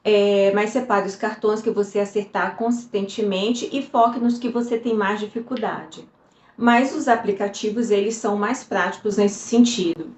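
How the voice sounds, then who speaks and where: A woman's voice: medium pitch, steady tone, normal speed. Woman teacher, chatty and explanatory, echoey room. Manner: chatty, explanatory, frequent "tá?" check-ins. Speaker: Hebrew teacher. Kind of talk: casual teaching video.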